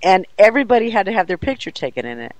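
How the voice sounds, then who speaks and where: A woman who organizes paranormal events, telling an excited story in an interview, animated and laughing often. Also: mid-range voice, racing, no echo, rough recording.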